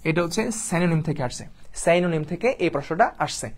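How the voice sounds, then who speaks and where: A man's voice: fairly high pitch, fast. A man with a Bangladeshi Bengali accent teaching an online exam-prep English lesson, repeating points and checking in with students often. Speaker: admission test English teacher.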